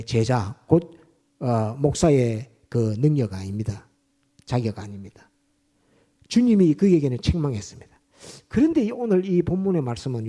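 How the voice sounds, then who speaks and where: A man preaches, and his voice is fairly high yet very dark and mellow. He retells scripture as lively stories and hammers his points home by repeating them. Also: husky. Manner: emphatic, retells scripture scenes with vivid storytelling and repeated points. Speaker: pastor. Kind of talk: sermon. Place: church.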